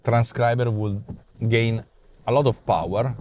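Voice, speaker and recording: Speaking with an Italian accent, this forties-aged man from Italy vlogs and develops apps, and here he talks off the cuff about his app ideas while sitting in a parked car in daytime. His mid-range voice runs a little slow over slight background noise, full of repeats and fillers as he gestures animatedly. The audio comes from a clip-on lapel mic.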